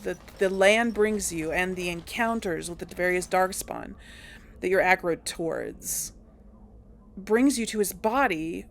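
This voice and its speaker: A woman hosting a let's play offers casual gameplay commentary, rambling hesitantly with many fillers and restarts. Her voice is fairly low-pitched and measured in pace, with slight background noise.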